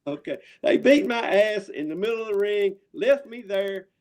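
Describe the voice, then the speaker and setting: A man's voice: high voice, animated, moderate pace, darkish tone. A man with a Southern US accent talking casual, profane wrestling trash as a guest, rambling and riled up. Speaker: wrestling promotion owner, show guest.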